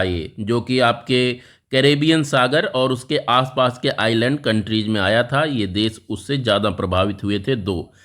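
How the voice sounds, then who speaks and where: A man at a middle pitch for his voice gives a current affairs lesson as a voice-over for exam students. He explains step by step in a patient, repetitive teaching manner and keeps stressing which facts to remember. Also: a bit bright.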